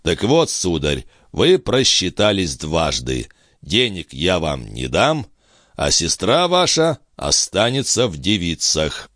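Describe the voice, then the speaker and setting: A man voicing a tired, haughty count who answers slowly and with calm disdain. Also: deep voice, no echo, clean studio sound, heavily acted. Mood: disdainful. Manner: slow, languid, condescending.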